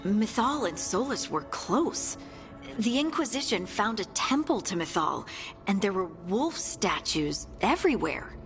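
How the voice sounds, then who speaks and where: A thoughtful companion whose voice rises and falls a lot. She muses over events in a game scene with music clearly underneath. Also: medium pitch, very animated, a little slow. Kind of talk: video game dialogue.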